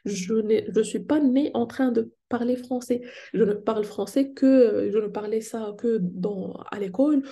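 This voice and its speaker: Speaking to the camera, a Moroccan woman who coaches online businesses shares tips and puts questions to her audience. Moroccan Arabic is her first language, and she has a Moroccan French accent; her voice is mellow, slightly high, and evenly paced.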